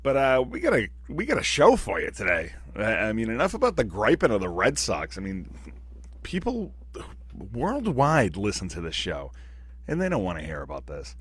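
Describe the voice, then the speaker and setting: A man hosting a podcast in casual chat, joking and reacting quickly. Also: fairly low pitch, huge pitch swings, fairly bright tone, husky. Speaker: podcast host.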